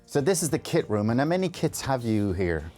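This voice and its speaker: A man's voice: medium pitch, very animated, brisk, darkish tone, faint music behind. A man interviewing people on location as a television reporter.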